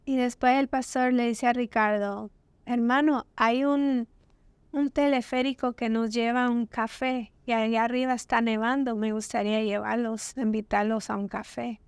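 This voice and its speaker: A woman with a higher, smooth and resonant voice tells her personal testimony as a podcast guest. She recounts the story vividly, slipping into the voices of the people she quotes. The sound is dry and close, as in a small studio. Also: steady tone, normal speed, no room sound. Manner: vivid, acts out quoted dialogue.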